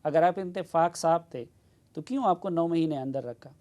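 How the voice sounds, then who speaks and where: A man's voice: on the high side, a little mellow, highs cut off. Man interviewer asking pointed questions. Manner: pressing, challenging questions. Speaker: TV interviewer and host.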